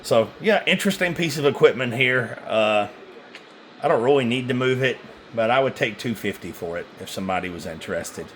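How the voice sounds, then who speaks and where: Talking a little fast with lively intonation, this seller has a mid-range, fairly bright voice. He gives an unscripted, casual demo of secondhand radio equipment, meandering and hesitant, frequently stopping to correct himself. Background noise comes through clearly on the handheld phone recording.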